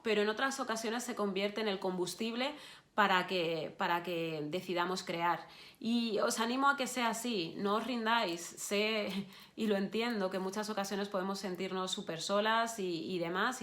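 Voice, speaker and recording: A woman's voice: mid-range voice, a bit bright. A woman giving an online course talk, encouraging her listeners directly, with frequent restarts and fillers. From Spain.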